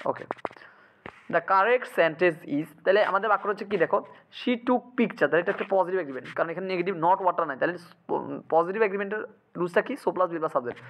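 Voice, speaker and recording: A man teaching English grammar for exam prep, often pausing to ask his students if it is clear. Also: high voice, a bit bright, low-quality recording. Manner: keeps checking students understand with quick asks.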